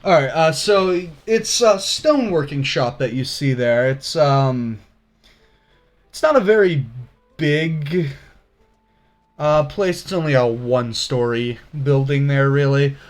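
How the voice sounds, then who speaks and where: A man's voice: fairly high pitch, animated, slow pace, faint music behind. A young man narrating as game master, hesitant and full of fillers. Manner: hesitant, many fillers, laughs often.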